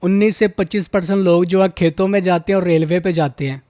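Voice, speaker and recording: Roast guy ranting and mocking, highish voice, dry close mic. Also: steady tone, fairly quick, mellow, no room sound. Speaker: roast video host. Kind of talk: roast commentary.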